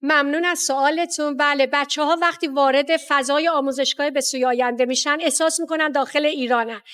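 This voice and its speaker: A woman's voice: high voice, fairly even intonation, fairly bright tone. A woman with an Iranian Persian accent, a teacher, giving formal, articulate interview answers.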